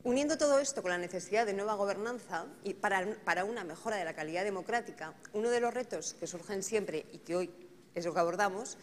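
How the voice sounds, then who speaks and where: In a conference hall with reverb and faint ambience, a woman moderates a panel at a quick pace in a medium-pitched voice. She thinks aloud and keeps checking in with tag questions, and a bit of background noise is present.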